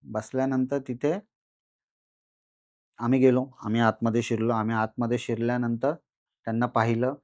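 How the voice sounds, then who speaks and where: A man recounting a first-person horror experience in a podcast conversation, animated and repetitive with dramatic pauses. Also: medium pitch, no room sound, clean studio sound. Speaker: guest storyteller.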